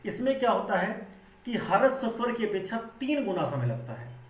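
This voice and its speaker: A man gives an exam-prep grammar lesson in a high voice, over and over asking the class a question and then answering it himself. He sounds somewhat distant from the mic, and the room around him is roomy and echoing. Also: very animated, moderate pace. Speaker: Hindi grammar teacher.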